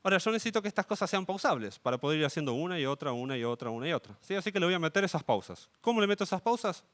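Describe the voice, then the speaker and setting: At a conference, a young man with a Rioplatense Argentine Spanish accent gives a live coding talk and frequently checks in with his audience. His slightly high voice is sing-song, fairly bright and very fast.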